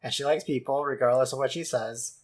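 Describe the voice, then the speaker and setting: A man's voice: medium pitch, fairly even intonation, brisk. A man co-hosting a casual podcast chat, joking around and laughing often. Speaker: podcast co-host.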